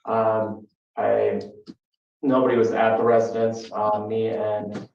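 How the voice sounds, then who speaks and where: A man's voice: lowish voice, little pitch movement, takes it slowly, gravelly, a little mellow, a little hiss or hum. A man, a police trooper, testifying in court in a hesitant way with many ums. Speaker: state trooper witness. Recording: distant, dull, echoey courtroom audio.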